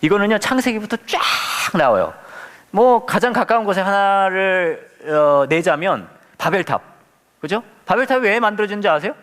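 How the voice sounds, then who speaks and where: A man's voice: sits high, lively intonation, moderate pace, a bit bright, in a large hall. A man who is a pastor, leading a casual Bible study, playful and full of questions for the audience. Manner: playful, asks the audience many questions, acts out quotes with humor.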